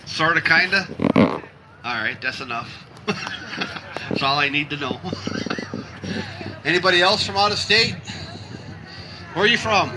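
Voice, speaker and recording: Wisecracking emcee from Michigan. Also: male voice, a little high, measured pace, pauses often. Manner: wisecracking, self-deprecating, teasing the audience. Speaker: timber show emcee. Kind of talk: joking crowd banter over a PA. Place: outdoor festival stage. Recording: outdoor crowd noise.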